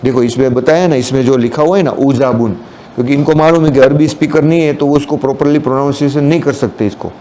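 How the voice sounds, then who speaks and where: A man's voice: mid-range voice, fairly even intonation, fast, warm tone, a little hiss or hum. A man giving a Friday sermon, explaining the meanings of scripture words and mixing in English terms. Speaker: preacher.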